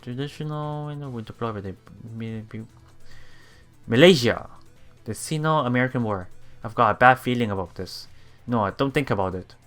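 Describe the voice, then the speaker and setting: A man with a medium-pitched, slightly bright voice reads a visual novel out loud for a let's play, game music playing behind him. He's halting, trips over words and repeats them, and adds his own reactions along the way.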